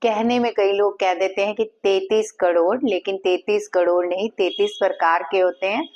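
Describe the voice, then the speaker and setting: Woman, Reiki teacher, calm guided-meditation delivery, mid-pitched voice, steady soft repetition. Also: highs cut off. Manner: calm, slow guiding with repeated chanted words.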